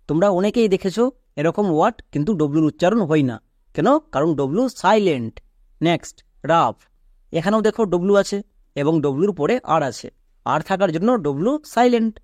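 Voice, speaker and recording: Higher-voiced man teaching patiently. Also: darkish tone, no room sound. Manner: patient, repeats rules and asks check questions. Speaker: English pronunciation teacher. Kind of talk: explanatory lesson.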